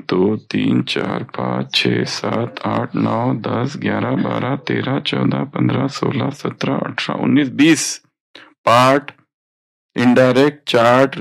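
A man's voice: medium pitch, creaky. A man teaching a spiritual study class, explaining points and prompting students to read aloud.

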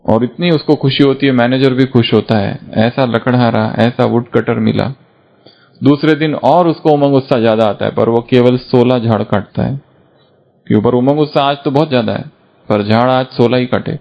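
A man giving an earnest, instructive spiritual talk, repeating points and telling stories to make them. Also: mid-range voice. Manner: earnest, repetitive, storytelling. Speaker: spiritual teacher. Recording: dull lo-fi recording.

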